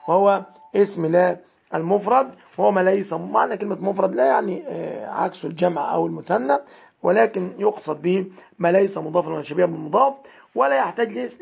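Gravelly high-voiced Egyptian teacher. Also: male voice. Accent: Egyptian Arabic. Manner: methodical, parses example sentences one word at a time. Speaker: Arabic grammar teacher. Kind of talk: grammar lesson. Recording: dull lo-fi recording.

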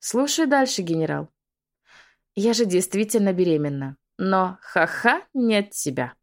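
A woman's voice: medium pitch, animated, measured pace. Mean sneering witch, as a lady reads her, taunts with a lilt, storybook style. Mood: taunting. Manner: hissing, taunting. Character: spiteful young witch, mocking and vengeful. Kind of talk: audiobook reading.

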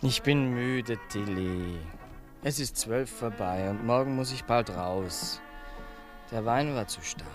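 An actor playing a gentle, tired young man in love in a radio drama, speaking softly and tenderly. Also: mid-range voice, slow pace, lightly acted. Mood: weary. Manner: soft, tender, apologetic. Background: dance music from a gramophone.

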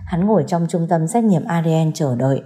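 Low, mellow woman narrating a story. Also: a little fast. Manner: steady, dramatic storytelling. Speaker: audiobook narrator. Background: soft background music.

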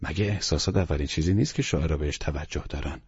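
Man voicing a young man, smug, drawling, husky, muffled lo-fi sound. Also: very deep voice, darkish tone, long reverb tail, full character voice. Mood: friendly. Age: young adult. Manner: drawling, self-satisfied.

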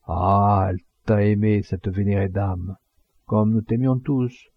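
A man's voice: on the low side, slow pace, no room sound. A man voicing a pompous, talkative townsman who gives grandiloquent funeral speeches, in a dull lo-fi recording. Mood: solemn.

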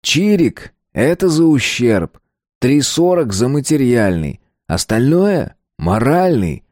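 Teen boy bluffing hard, slow tough talk, read by a man. Dry close read. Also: mid-range voice, sing-song, a little mellow, no room sound, pitched above the performer's own voice. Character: cocky teen boy bluffing gang members.

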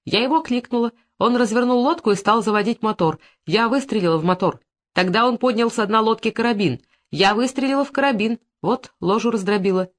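A woman's voice: a little high, fairly quick, pitched above the performer's own voice, lightly acted. A woman voicing a stern, armed young woman who gives commanding, clipped orders.

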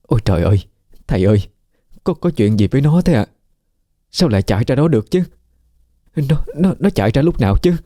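A man voicing a frantic middle-aged village mother in a spoken ghost story, stammering and shrill. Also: very animated, a little fast, long pauses, mellow, no room sound, clean studio sound, natural voice.

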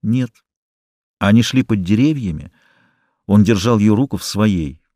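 Man narrating a novel in a dark voice. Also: fairly low pitch, animated, normal speed, dry recording, clean studio sound. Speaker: audiobook reader.

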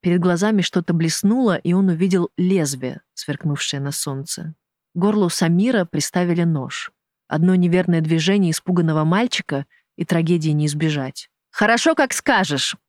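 An audiobook narrator reading a dramatic novel in a measured, even way. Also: mid-range voice, no room sound, clean studio sound. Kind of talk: scripted narration.

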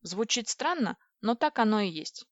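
A woman's voice: medium pitch, very animated, normal speed, dry recording. Woman narrating a sci-fi audiobook, dry. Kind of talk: first-person audiobook narration. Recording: dull, dry audiobook recording.

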